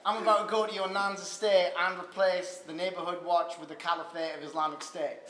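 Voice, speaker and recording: A man delivers a crude, mocking battle rap verse. His voice sits fairly high. The room echoes and there is noise behind him. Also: level tone, a little fast. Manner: mocking, crude, laughing between bars. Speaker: battle rapper. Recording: echoey, noisy live venue.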